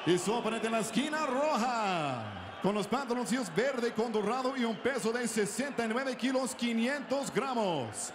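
A man ring-announcing a fight in a booming, theatrical lucha libre style, over an arena PA. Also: expressive, brisk, background noise. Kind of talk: theatrical bilingual ring announcing with drawn-out name calls. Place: boxing ring in a large indoor arena. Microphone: handheld microphone over arena PA. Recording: echoey PA in loud, crowded arena.

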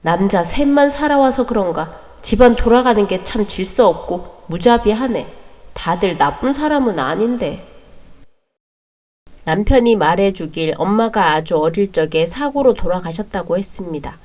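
A polite young bride-to-be speaks softly and kindly and narrates her own story in a radio drama, played by a woman. Her pitch is plain and mid-range. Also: lively intonation, normal speed, close to an everyday voice. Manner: polite and soft-spoken.

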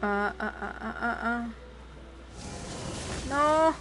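A woman's voice: fairly high pitch, drawn-out words, over music. A young woman commentating live gameplay, often frustrated and exclaiming to herself and her viewers. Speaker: streamer.

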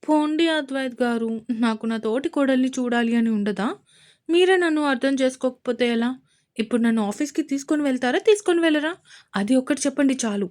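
A woman's voice: high-pitched, a little fast, a little mellow, voice pushed up, lightly acted. A woman voicing a playful young wife in a romance audio story, coaxing and pouting at her husband.

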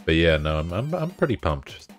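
With faint music behind him, a young man chats casually on his game stream, swearing a lot and bantering easily with viewers while sounding stuffed up. His voice is low-pitched and very animated, delivered at a moderate pace.

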